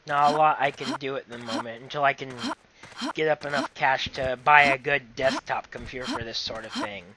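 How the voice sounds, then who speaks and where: A man's voice: medium pitch, moderate pace, sharp tone. A man giving casual, rambling commentary over a game playthrough, apologetic and given to corny jokes. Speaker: gameplay commentator.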